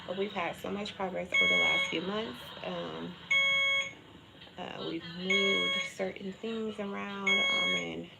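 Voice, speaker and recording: A woman's voice: medium pitch, fairly even intonation, slow. A woman chatting casually and candidly on a livestream from a hospital room, with everyday slang. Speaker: livestream host. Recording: clear beeping alarm noise, hospital room. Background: beeping medical pump alarm.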